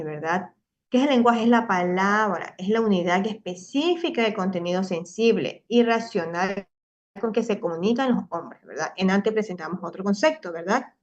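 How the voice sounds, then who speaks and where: A middle-aged woman lecturing in a steady, explanatory way, tagging her points with quick questions to the class. Her voice sits at an ordinary pitch for a woman, and the recording is somewhat dull and lo-fi. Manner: explanatory, often tags ¿verdad?. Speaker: teacher. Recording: slightly dull lo-fi audio.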